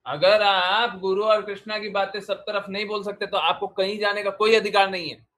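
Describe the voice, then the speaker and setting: In a devotional discourse, a spiritual teacher keeps a level tone and moderate pace, his voice sitting high and a bit bright. He presses his audience with short commands and questions, again and again.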